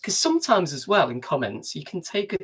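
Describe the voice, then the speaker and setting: This Mancunian vlogger talks a little fast in a slightly rough, a bit bright voice that's a little high and swings hugely in pitch. He's chatting easygoingly on a livestream from inside his narrowboat.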